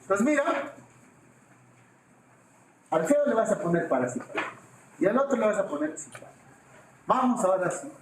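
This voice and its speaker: Lively, high-voiced man teaching anatomy. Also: normal speed, long pauses, noisy background. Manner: lively, quizzes students with rhetorical questions. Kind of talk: classroom lecture with jokes. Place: classroom. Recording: echoey classroom with faint ambience.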